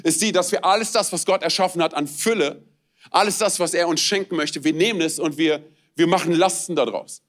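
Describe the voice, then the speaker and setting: Man, guest preacher, sermon, energetic, direct address, slangy asides, higher voice. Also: fairly quick.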